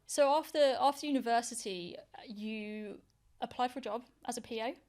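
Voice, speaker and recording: A woman's voice: fairly high pitch, moderate pace, darkish tone. Attentive female interview host. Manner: encouraging, attentive listener. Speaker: podcast host. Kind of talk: casual conversational interview.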